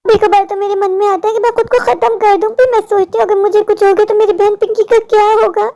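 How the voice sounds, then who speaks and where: A poor young woman from a cartoon, the worried older sister of the family. She talks in a very high, thin voice, pleading and worn down. Her sorrow runs through every line. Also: fairly even intonation, fast talker, mellow. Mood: despairing. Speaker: cartoon character. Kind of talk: Hindi cartoon voice acting.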